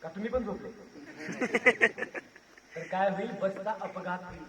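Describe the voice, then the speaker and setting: A man from Maharashtra giving a rousing public lecture on history, a storytelling orator with a booming delivery. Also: normal speed, a little mellow, highs cut off. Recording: echoey hall, voice far from mic.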